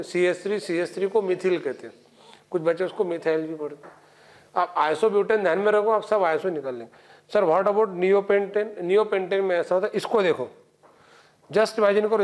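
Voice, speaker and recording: Middle-aged guy lecturing a chem class, fairly high voice, keeps asking if students get it. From India. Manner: quizzing the class with repeated checks. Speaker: chemistry teacher. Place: coaching classroom.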